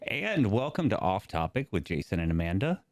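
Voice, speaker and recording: A man's voice: sits low, very animated, normal speed, no echo, clean studio sound. A man with a slight lisp co-hosting a casual chat show, rambling and joking. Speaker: co-host.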